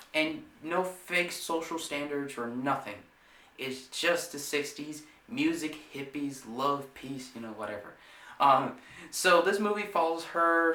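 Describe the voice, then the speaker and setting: A man's voice: mid-range voice, pushed and bright, recorded from a distance. A man hosting a casual movie review vlog, talking eagerly and rambling with many fillers and restarts. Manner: eager, enthusiastic. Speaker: movie reviewer, channel host. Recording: roomy, away from the mic.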